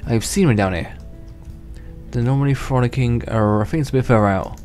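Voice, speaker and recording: Over faint background music, a young gaming channel host gives relaxed, rambling play-by-play in a mid-range, slightly mellow voice at a fairly quick pace. He restarts sentences, chuckles to himself, and sounds a little worn from being sick.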